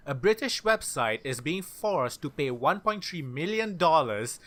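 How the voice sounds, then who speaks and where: A man co-hosting a gaming podcast, casually relaying news items in a relaxed way. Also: on the high side, a little slow. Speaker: podcast co-host. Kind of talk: casual chat.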